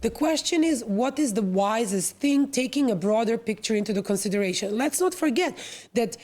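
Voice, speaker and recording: A woman from Serbia, a panel guest, speaking in a measured, deliberate way with some hesitation. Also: on the high side, lively intonation, a little mellow. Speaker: panel guest, NGO vice president. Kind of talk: panel discussion.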